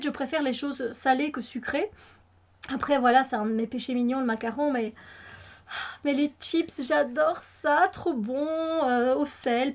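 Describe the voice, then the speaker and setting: A woman's voice: sits high, muffled recording. A woman from Belgium with a Belgian French accent, chatting casually to her viewers, full of fillers and restarts. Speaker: YouTuber. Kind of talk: casual chat to camera.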